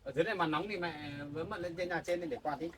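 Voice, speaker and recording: A man's voice: on the high side, far from the mic. A man talking caringly to his wife and her mother in a casual family chat, coaxing them to rest. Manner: caring, coaxing, fast talk. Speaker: husband and son-in-law. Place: rural home.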